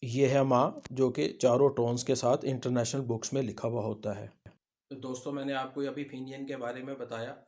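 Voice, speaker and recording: A man with a Pakistani Urdu accent walks viewers through a slide-based language lesson. He sits at a middle pitch and explains patiently, reassuring as he goes. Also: a little mellow. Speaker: language teacher.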